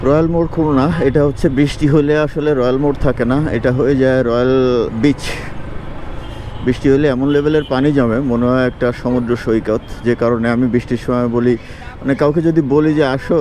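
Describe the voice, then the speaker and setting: Blunt guy from bangladesh vlogging about bikes outside, mid pitch, faint street noise. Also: fast talker, dark tone. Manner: blunt and plain-spoken, mixes in English phrases. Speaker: motorcycle vlogger. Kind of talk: casual vlog talk. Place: outdoors on a city street.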